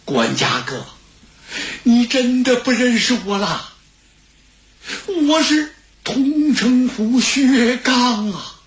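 A man's voice: very high voice, animated, slow pace, echoey room, voice pushed up, exaggerated voice. A man doing an earnest young warrior.

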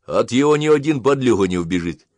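A man's voice: medium pitch, lively intonation, fast talker, darkish tone, no echo, voice pushed up, lightly acted. A man voicing an unflappable, grey-haired Cossack officer who gives cool, curt orders. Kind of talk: audiobook character voice.

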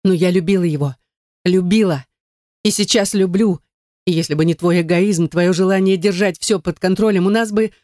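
A man's voice: on the high side, normal speed, pauses often, dark tone, dry recording, clean studio sound, close to an everyday voice. A man voicing a tearful defiant daughter. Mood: tearful, pleading. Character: young woman, grieving and defiant daughter. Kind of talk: audiobook reading.

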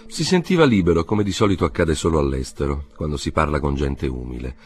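A man narrating a literary novel as an audiobook, in a measured, expressive reading. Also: extremely low pitch, slightly rough, soft background music.

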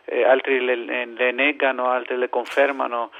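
A man's voice: mid-range voice, little pitch movement, creaky, a little hiss or hum. Greek-accented man on a tinny phone line. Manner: halting non-native Italian, searching for words. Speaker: interview guest reporting from Athens. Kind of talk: unscripted radio interview by phone.

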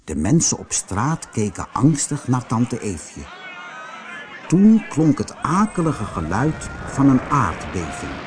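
A man narrating a children's storybook in an expressive, animated way. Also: mid-range voice, takes it slowly.

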